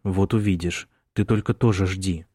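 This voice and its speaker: Guy reading as a young prisoner, low voice, hushed and urgent, dry close sound. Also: fairly even intonation, normal speed, breathy edge, dry recording. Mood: pleading. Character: young male prisoner, desperate and in love.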